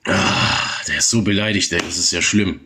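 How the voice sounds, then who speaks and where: A man hosting a live stream in casual chat, talking calmly and mockingly and tagging his sentences with short questions as he switches between German and English. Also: low-pitched, moderate pace, slight background noise. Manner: mocking calm, repeats short tag questions. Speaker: livestream host.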